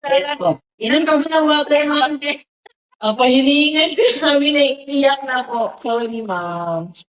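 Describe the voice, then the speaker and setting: A woman's voice: high voice, measured pace, low-quality recording. Polite woman hosting a surprise delivery. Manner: very polite, addresses the listener as ma'am at nearly every phrase.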